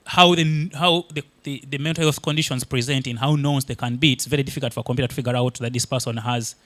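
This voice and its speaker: Quick and a bit bright, a mid-range male voice with fairly even intonation gives a conference talk, explaining step by step and often restarting or using fillers. He is from Uganda and grew up speaking Luganda. The recording is dry, with no room sound.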